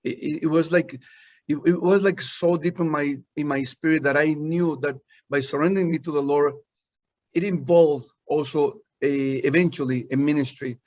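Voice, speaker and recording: A man's voice: fairly high pitch, steady tone, moderate pace, darkish tone. Man sharing his testimony. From Guatemala. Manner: earnest storyteller, many fillers and restarts. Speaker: senior pastor, guest. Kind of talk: personal testimony in conversation. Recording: dull lo-fi audio.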